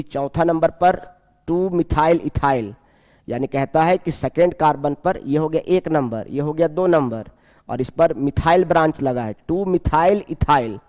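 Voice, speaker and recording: A man's voice: fairly high pitch, darkish tone. A male chemistry teacher going through a test paper, counting aloud step by step and putting questions to the class. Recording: long hall reverb.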